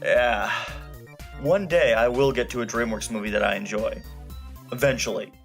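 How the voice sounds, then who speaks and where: A film reviewer delivers a scripted, opinionated video review in a mid-range, slightly bright voice at a moderate pace. He's emphatic, sarcastic and casually profane, with music playing behind him.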